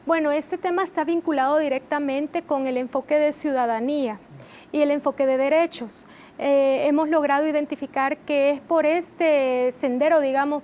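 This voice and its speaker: A woman, answering as a guest in a TV interview in a measured, explanatory way. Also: sits high, a little mellow, a little hiss or hum. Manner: measured, explanatory, with frequent rhetorical tag questions. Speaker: interview guest, training head.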